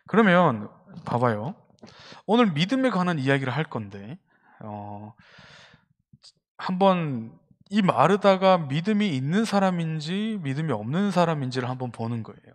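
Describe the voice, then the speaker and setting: A young man preaching a youth sermon in a church hall, engaging the congregation with questions. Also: on the high side. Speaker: youth pastor.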